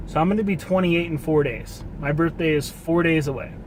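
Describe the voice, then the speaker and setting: Guy in his late 20s ranting to camera outside, voice a bit high, swears a lot, faint street noise behind him. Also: brisk, rough recording. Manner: rambling, profane, repeats himself. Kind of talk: casual monologue vlog.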